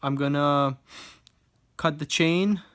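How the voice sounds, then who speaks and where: A man vlogging casually while he works on a motorbike indoors, talking with a relaxed manner and thinking aloud with fillers. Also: a little high, slow pace. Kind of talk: casual commentary while working. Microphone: camera mic, handheld then set down.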